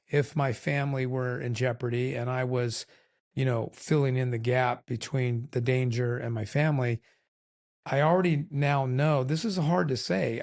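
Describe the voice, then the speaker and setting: A man's voice: medium pitch, a little mellow. An older man talks things over with his wife on their podcast. He is candid and meandering, and often laughs at himself as he goes. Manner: candid, rambling, self-deprecating. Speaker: podcast co-host. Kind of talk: casual chat.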